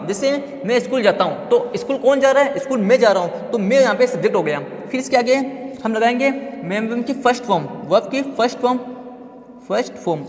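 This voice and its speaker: A man giving a step-by-step grammar lesson, repeating terms and asking himself questions. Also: sits high. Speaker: grammar teacher. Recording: echoey room with long reverb.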